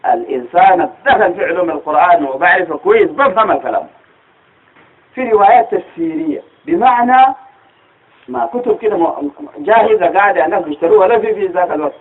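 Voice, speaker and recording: A Sudanese Arabic-accented man gives a religious lecture in a husky, fairly high voice. He explains patiently, often pausing to ask his listeners a rhetorical question. The sound is thin and tinny, as if over a phone line. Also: lively intonation. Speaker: teacher of Quranic studies.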